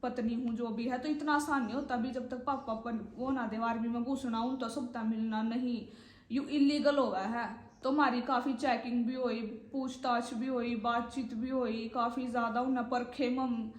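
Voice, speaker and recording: High-voiced young woman, echoey room. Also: fairly even intonation, moderate pace. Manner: rambling, chatty retelling. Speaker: vlogger. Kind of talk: casual storytelling.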